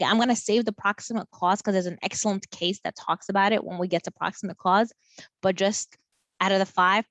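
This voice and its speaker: A woman professor lecturing a college class over a video call, chatty and lively, often repeating words. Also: on the low side, no echo.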